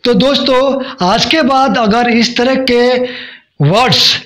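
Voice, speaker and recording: A man teaching a spoken English lesson in Hindi, repeating each example word and sentence slowly and deliberately. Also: very high-pitched, a bit bright.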